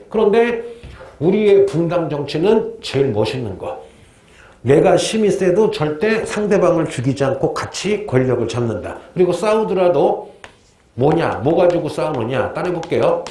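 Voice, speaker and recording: Quizzing male history teacher, echoey room. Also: fairly high pitch. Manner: animated, quizzing students with questions. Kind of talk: lecture.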